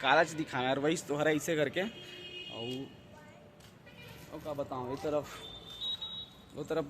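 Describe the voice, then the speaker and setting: A man's voice: a little high, fairly even intonation, slow. A man with a Chhattisgarhi accent narrating a casual family vlog outdoors, chatting to viewers as friends while showing his home. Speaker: vlogger host. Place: outdoors around a house and rooftop. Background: background music.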